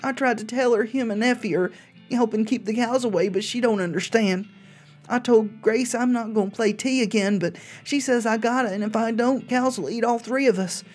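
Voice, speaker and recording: A woman's voice: fairly high pitch, normal speed, a little mellow, soft background music, voice pushed up, close to an everyday voice. A woman voicing a naive, frightened little frontier girl reading out her diary in a video game, childlike and folksy. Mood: worried, plaintive.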